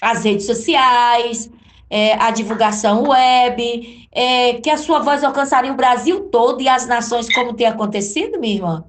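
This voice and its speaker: A woman's voice: fairly high pitch, moderate pace. A woman hosting a religious interview and telling a story of her own, in a preacherly way, addressing others as sister and beloved. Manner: warm preacherly, calls listeners amada and minha irmã. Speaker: interview host and gospel singer.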